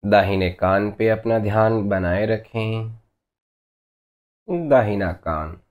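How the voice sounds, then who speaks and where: A meditation teacher guides listeners with gentle, unhurried instructions, speaking in short phrases separated by long pauses. His voice is fairly low and steady, and the audio sounds narrow and tinny.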